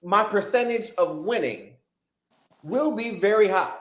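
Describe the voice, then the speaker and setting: Animated, profane man in an echoey room. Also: high-pitched, unhurried. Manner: animated, profane, joking rants. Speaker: guest. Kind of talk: casual sports podcast chat. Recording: roomy echoey sound.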